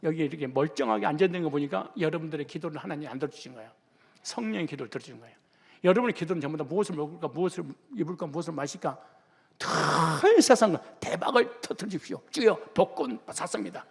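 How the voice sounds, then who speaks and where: A man's voice: on the high side, fast talker, vocal fry, breathy edge. A man preaching a sermon as pastor in a church sanctuary, emphatic, firing rhetorical questions at the congregation and slipping into blunt casual speech. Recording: long church hall reverb.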